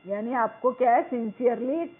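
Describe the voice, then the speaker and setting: A woman teacher explains a school English lesson. She reads the English lines slowly and word by word, then explains them in Hindi. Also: on the high side, slightly rough. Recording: tinny phone-like sound.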